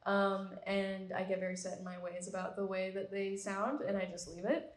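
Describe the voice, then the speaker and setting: A woman's voice: mid-range voice, normal speed. Chatty young woman musician, roomy venue. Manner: chatty, relaxed, lots of ums. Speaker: musician guest. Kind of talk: casual interview answers. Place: art bar event space.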